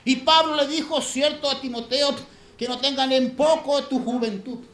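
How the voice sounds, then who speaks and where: A man preaching a sermon as pastor, swinging between loud emphasis and hushed low passages. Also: steady tone, moderate pace. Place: church sanctuary. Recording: echoey church room, faint ambience.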